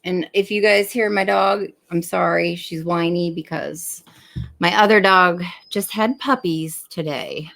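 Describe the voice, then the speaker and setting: A woman's voice: on the low side, steady tone, a little slow, creaky, a bit bright. A woman hosting a live online coin sale, calling bids and thanking buyers by name from home. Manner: friendly, calls out bidders by name. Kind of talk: live auction selling.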